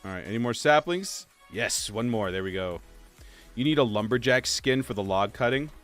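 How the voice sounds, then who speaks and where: A young man chatting casually on a game livestream, answering viewers and filling pauses with "like" and "uh". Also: medium pitch, animated, fairly bright tone, soft background music. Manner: chatty, reads and answers chat, many fillers. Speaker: streamer. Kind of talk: casual livestream chat while playing.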